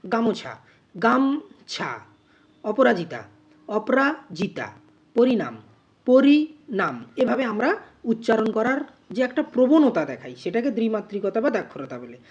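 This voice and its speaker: A woman teacher explaining grammar, spelling out words slowly syllable by syllable. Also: a little high, big pitch swings, a little mellow, husky, dull audio. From West Bengal, India. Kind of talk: grammar lesson.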